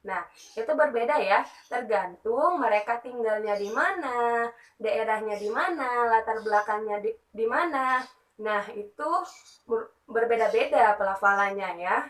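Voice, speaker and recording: A young woman teacher explains a lesson slowly to young children, her voice bright and a little high. She keeps checking in as she goes. The sound is echoey, with her voice set back from the mic. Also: distant mic. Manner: slow, patient explaining with frequent "nah" and "ya". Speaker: primary school teacher.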